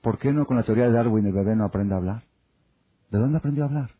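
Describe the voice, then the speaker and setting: A man's voice: mid-range voice, fast talker, breathy edge. A man giving a Torah class as a rabbi, telling stories with rhetorical questions and acted-out quotes. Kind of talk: Torah class with humorous anecdotes. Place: lecture hall. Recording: dull lo-fi archive tape.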